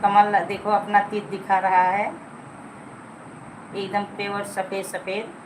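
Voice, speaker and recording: A woman's voice: mid-range voice, completely flat delivery, a little slow, noisy background. A middle-aged woman hosting a casual live stream, chatting with viewers, teasing them and coaxing them to like and comment. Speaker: livestream host.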